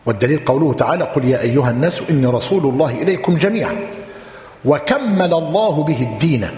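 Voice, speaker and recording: A man's voice: fairly high pitch, lively intonation, a little mellow. Man lecturing in an echoey hall. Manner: repeats points slowly, quizzes listeners. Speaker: religious teacher. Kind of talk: lecture explaining a text.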